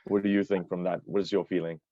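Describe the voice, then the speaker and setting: A man with a very low voice hosts a podcast interview. He asks long, rambling questions full of restarts. The sound is dry and a little dull, like a remote call. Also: little pitch movement, fast talker, warm tone, dry recording. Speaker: podcast co-host.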